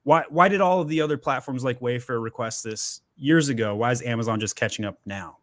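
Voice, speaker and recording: A man's voice: mid-range voice, fairly quick, fairly bright tone, dry recording. A male host of a live Q&A, upbeat and chatty, asking questions with joking asides. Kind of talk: live Q&A interview.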